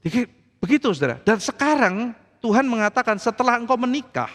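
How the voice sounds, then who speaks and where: Man, pastor, sermon, high-pitched, conversational, long church-hall reverb. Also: very animated, brisk, a bit bright. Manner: conversational, acts out quoted voices.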